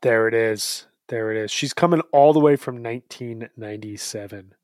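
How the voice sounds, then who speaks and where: A man's voice: mid-range voice, moderate pace, darkish tone, no room sound, clean studio sound. A man in his thirties co-hosting a podcast, chatting in an upbeat, rambling, jokey way. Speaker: podcast co-host. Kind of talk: casual podcast chat.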